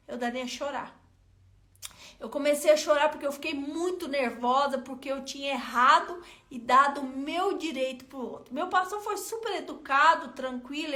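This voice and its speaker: Brazilian lady telling a story in her self-help vlog, super high voice, colloquial, lots of "gente"-style asides to viewers. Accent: Brazilian Portuguese. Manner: expressive, colloquial storyteller addressing viewers directly. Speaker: self-help content creator. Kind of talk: motivational talk with personal story.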